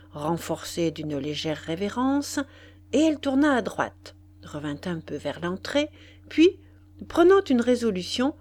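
A woman reading a classic novel aloud as a calm, measured audiobook narrator. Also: fairly low pitch, a little hiss or hum.

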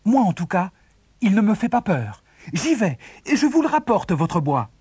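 Guy doing a plucky little kid hero, high voice, fearless. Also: sing-song, moderate pace, darkish tone, husky, no room sound, full character voice. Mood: eager. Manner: bold. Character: brave plucky youngest son, a boy.

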